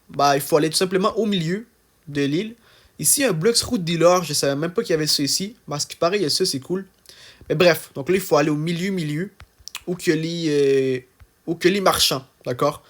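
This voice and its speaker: A young man with an accent giving casual, chatty gameplay commentary, full of fillers and checking in with "d'accord?". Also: a little high. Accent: non-standard French accent. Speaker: gaming YouTuber.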